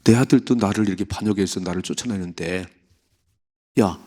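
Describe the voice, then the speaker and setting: A man, a pastor from South Korea, giving an early morning prayer sermon, reading scripture and acting out the story's voices in an animated way. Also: sits low, fairly quick.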